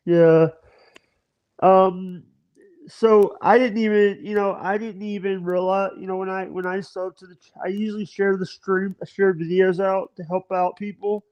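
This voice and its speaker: A man in his thirties with a high voice, talking in halting, stammering bursts full of restarts. He chats casually over a video call, and the stream audio sounds dull and lo-fi. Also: flat delivery, smooth. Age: 30s. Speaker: livestream guest. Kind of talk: casual chat.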